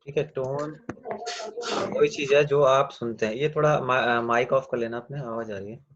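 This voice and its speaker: A man teaching a class over a video call, explaining slowly and answering his own questions. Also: mid-range voice, fairly even intonation, muffled recording, very noisy. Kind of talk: online class lecture.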